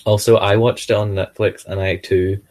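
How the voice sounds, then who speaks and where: A man co-hosting a casual podcast chat, playful with quick gasping reactions and laughs. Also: lowish voice, little pitch movement, darkish tone. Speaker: podcast co-host.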